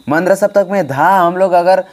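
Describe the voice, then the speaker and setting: A man's voice: high voice, moderate pace. A man teaching harmonium online, speaking straight to his students and repeating key points for emphasis. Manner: repetitive, emphatic, addresses students directly. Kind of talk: online music lesson. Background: faint harmonium.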